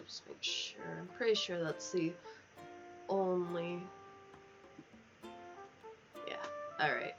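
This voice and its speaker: Here a woman with a lowish voice takes her time, leaving long pauses as she chats about the game she's streaming. Music plays behind her while she rambles affectionately and casually. A sensitive headset mic gives the audio a dull, lo-fi quality.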